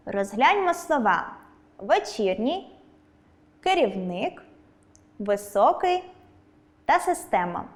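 A woman teacher giving a scripted online lesson, speaking clearly and stressing each example word. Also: fairly high pitch. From Ukraine.

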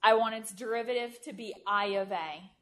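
A woman teaches a math class in a lecture room, talking in a relaxed, unpolished way. She keeps checking in with her listeners and fixes her own phrasing mid-sentence as she writes on the board. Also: a little high, brisk. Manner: informal, checks in with "right?", self-correcting. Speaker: mathematics lecturer.

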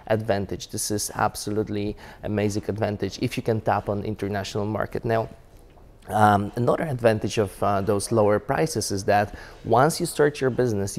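A man's voice: on the low side, darkish tone, a little hiss or hum. Enthusiastic man vlogging. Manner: enthusiastic, repetitive restarts, non-native phrasing. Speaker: business vlogger. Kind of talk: casual to-camera advice talk.

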